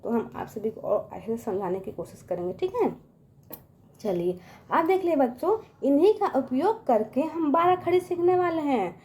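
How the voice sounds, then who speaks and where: A woman teaching young children in a coaxing voice, often addressing them and slowly stretching out each syllable as she sounds it. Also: sits high, sing-song, darkish tone. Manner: coaxing, repeats "ठीक है" and "बच्चों" often. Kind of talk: children's lesson.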